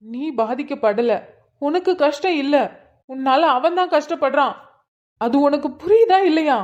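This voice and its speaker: A woman's voice: sits high, lively intonation, unhurried, a little mellow, dull audio. A woman voicing an angry young man who scolds his sister and pleads with his friend, in a cartoon drama. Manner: pleading, accusing. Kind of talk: cartoon voice acting.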